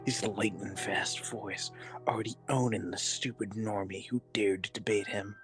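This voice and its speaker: A man reading a joke post aloud in a deadpan, mock-dramatic way with long pauses. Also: fairly low pitch, music in the background.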